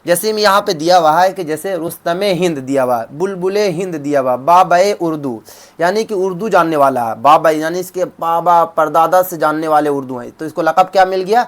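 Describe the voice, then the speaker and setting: Man teaching, answering his own questions. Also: fairly high pitch. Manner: asks a question, then answers it himself; repeats each definition slowly. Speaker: Urdu teacher. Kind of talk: exam-prep lesson.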